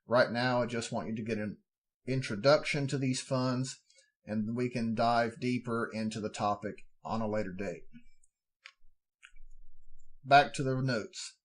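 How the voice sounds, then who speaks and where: A man's voice: mid-range voice, fairly even intonation, measured pace, long pauses. A man hosting a podcast, steadily reading formal fund descriptions aloud and breaking off now and then for plain spoken asides. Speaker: podcast host.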